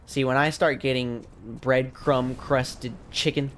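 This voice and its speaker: An American man, a streamer who also teaches languages, chats casually with viewers while gaming on a late-night stream, sounding tired and losing his voice. His medium-pitched voice stays level and slow, and he rambles in a laid-back way. There's a little hiss or hum in the background.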